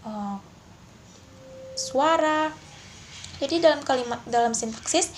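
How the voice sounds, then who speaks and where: Young female student presenting, slightly high voice, faint hiss behind, slow on examples. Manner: explanatory, slow over example sentences, frequent fillers. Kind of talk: class presentation on syntax.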